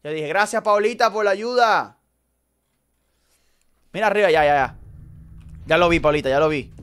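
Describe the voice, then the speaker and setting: A man commentating his live horror game stream, jumpy and excitable, talking to his chat. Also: sits high, moderate pace, clear, resonant tone.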